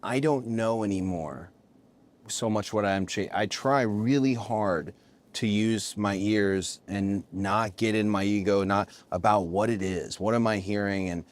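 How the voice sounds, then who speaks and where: Earnest low-voiced man hosting a chat. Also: measured pace. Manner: earnest, stumbling restarts, gets emotional. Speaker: host. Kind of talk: casual interview chat.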